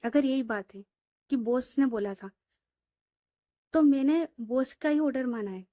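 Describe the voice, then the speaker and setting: Woman doing a calm young friend, high voice, mellow, patient, explaining. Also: measured pace, dry recording, clean studio sound.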